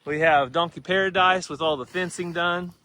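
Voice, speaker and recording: A man's voice: high-pitched, steady tone, normal speed, pushed and bright. Folksy man, outdoors on a farm. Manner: folksy, teasing, drawling farm talk. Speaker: farm vlog host. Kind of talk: casual chat. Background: farm animals.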